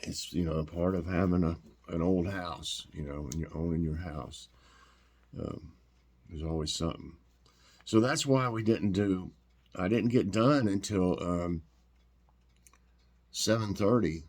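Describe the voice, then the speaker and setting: A vlog host with a stuffed-up, nasal voice rambles casually through a taste test, homey and full of fillers and restarts. His voice is low-pitched and darkish, a little slow, with long pauses.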